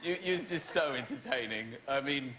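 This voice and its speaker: A man's voice: medium pitch, expressive, normal speed. A British man in his thirties, a talent show judge, chatting on live TV in a rambling, flustered way with restarts. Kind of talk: live TV panel banter. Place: TV studio with live audience. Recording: loud audience and studio noise.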